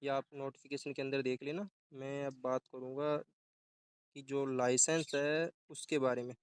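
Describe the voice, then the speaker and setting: Clear-voiced young man explaining exam rules. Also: medium pitch, level tone, normal speed. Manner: informal, repeats and restarts words while explaining. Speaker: exam-prep YouTuber. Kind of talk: explaining a job notification.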